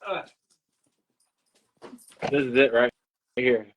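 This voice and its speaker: A man's voice: mid-range voice, takes it slowly, slight background noise. A man chatting casually on a livestream as its host, telling everyday stories in a talkative way. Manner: chatty storyteller, acts out others' remarks. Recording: dull lo-fi audio.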